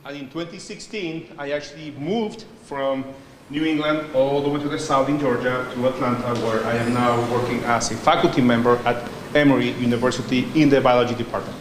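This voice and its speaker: A man's voice: medium pitch, fairly even intonation, brisk, a little hiss or hum. A man in his forties, from Mexico, teaching a biology class and sharing his background in a friendly, personal way. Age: 40s. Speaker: biology lecturer. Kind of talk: classroom lecture with interpreter. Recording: echoey hall with faint ambience.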